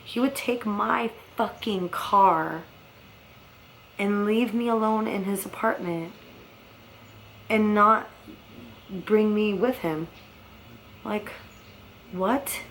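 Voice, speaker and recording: A woman's voice: medium pitch, slow pace, pauses often, fairly bright tone, a little hiss or hum. A young woman casually telling her own story in a rambling, blunt way, swearing often.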